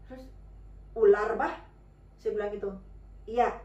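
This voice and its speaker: A woman's voice: mid-range voice, steady tone, unhurried, dark tone, roomy sound, far from the mic, dull audio. A woman telling a personal story in a chatty, informal way, full of fillers and acted-out dialogue. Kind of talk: casual spoken storytelling.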